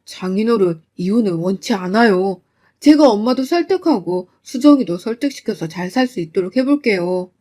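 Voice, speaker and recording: A woman's voice: mid-range voice, animated, normal speed, warm tone, close to an everyday voice. A woman voicing a meek young husband who pleads and apologizes. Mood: meek pleading.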